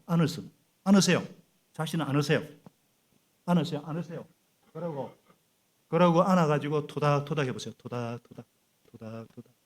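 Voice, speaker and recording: A middle-aged male pastor preaching a sermon in a church, animated and prompting the congregation to repeat after him. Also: medium pitch. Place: church sanctuary.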